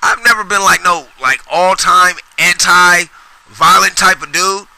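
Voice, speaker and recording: Middle-aged male podcast host, high bright voice, rambling profane solo rant. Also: fairly even intonation, measured pace, gravelly, low-quality recording. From Sacramento, US. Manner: profane, rambling, emphatic with repetitions.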